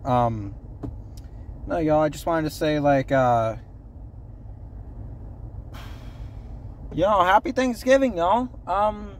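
A man's voice: a little high, a little hiss or hum. A young man chatting casually to his phone camera from a parked car, rambling with lots of ums and self-corrections. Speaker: vlogger. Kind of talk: casual unscripted chat to camera.

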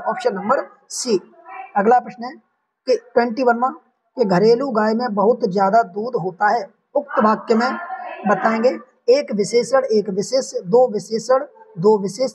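A man's voice: very high voice, far from the mic, low-quality recording. A man teaching an online exam-prep language lesson, walking through each answer option step by step and repeating the correct ones. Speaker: Hindi exam tutor.

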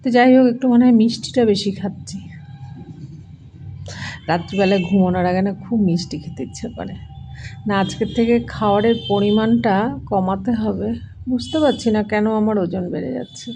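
A middle-aged woman with a hoarse voice chatting casually and haltingly as she narrates a vlog. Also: medium pitch, warm tone, soft background music, poor audio. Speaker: vlogger.

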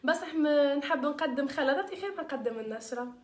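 Algerian woman hosting a casual live stream, high-pitched and quick, mixing in French words, in an echoey room. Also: a little mellow. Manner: chatty, sprinkles French words. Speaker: live-stream host selling beauty mixtures. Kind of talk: casual live-stream chat reading viewer comments.

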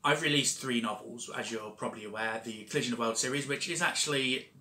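Talking fast in a bright, forceful mid-range voice, a young self-published author records a casual talking-head vlog in his home studio with shelves. The fixed desk-distance camera picks up an echoey room, and his talk rambles, full of fillers and false starts.

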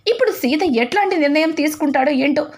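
A woman voices a scheming middle-aged mother who rules the house. She scolds harshly and bosses everyone. The voice is high. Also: expressive, quick pace, a little mellow. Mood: anxious.

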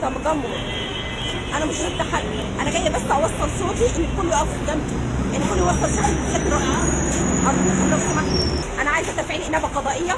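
A woman's voice: high voice, very fast. A young Egyptian woman making an urgent, repetitive public appeal on a phone livestream from a city street. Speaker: wife of a detained man. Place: busy city street outdoors. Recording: loud street crowd and traffic.

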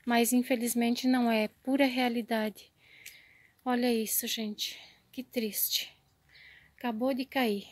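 A woman with a slightly high voice talks to her phone camera in her garden, close to tears and dismayed. She sighs and often sinks into near-whispers. The sound is dry and close. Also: little pitch movement, measured pace, darkish tone, dry recording. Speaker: gardening vlogger. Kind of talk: casual vlog to camera. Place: outdoor home garden.

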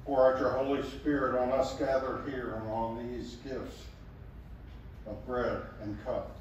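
A man leading a communion service as pastor, reciting the prayer in a measured, solemn way. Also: mid-range voice, little pitch movement, darkish tone, lo-fi sound. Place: chapel. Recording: echoey chapel, distant mic, faint room noise.

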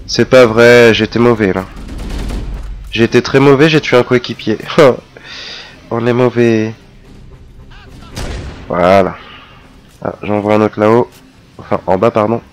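A man giving casual, chatty commentary over his own gameplay, excitable and quick to mock himself. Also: mid-range voice. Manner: chatty, self-mocking, excitable. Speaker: let's play gamer.

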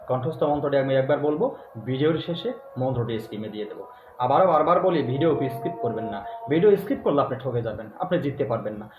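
A man speaking as a spiritual guru, talking slowly and repetitively and chanting a mantra in a drawn-out cadence. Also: a little high. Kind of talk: instructional spiritual talk to viewers. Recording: echoey, tinny phone-like sound with faint noise.

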